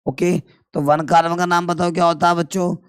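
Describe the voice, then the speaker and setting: Guy teaching chemistry, keeps quizzing the kids and answering himself, clean smooth voice, dry close sound. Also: high-pitched, flat delivery, fairly quick, no room sound. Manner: quizzes students and answers himself, calls them "beta". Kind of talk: classroom lecture.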